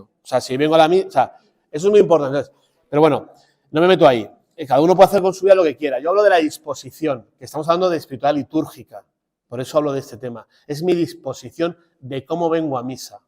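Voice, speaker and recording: Man, parish priest, slightly high voice, conversational teaching, digressive asides. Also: fast talker, darkish tone. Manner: conversational and digressive, with restarts and direct asides to listeners. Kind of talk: parish formation talk.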